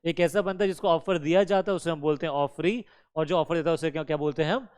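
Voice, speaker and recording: A man's voice: a little high, fast, a little mellow, clean tone. A male law teacher giving a classroom lecture, quizzing his students with questions, answering them himself, and switching between Hindi and English terms. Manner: addresses students fondly as kids.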